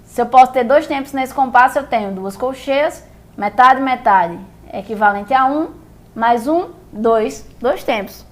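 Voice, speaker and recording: Her voice sitting high and her pace measured, a Brazilian woman walks viewers through rhythm step by step in a music theory lesson. Speaking with a Brazilian Portuguese accent, she patiently repeats points and keeps checking in with "beleza?".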